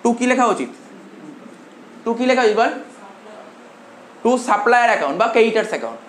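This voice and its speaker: A man's voice: very high voice, big pitch swings. Male tutor dictating notes in a roomy classroom. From India. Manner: dictates slowly and repeats phrases, quizzing students. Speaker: commerce tutor. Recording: roomy classroom echo, faint hum.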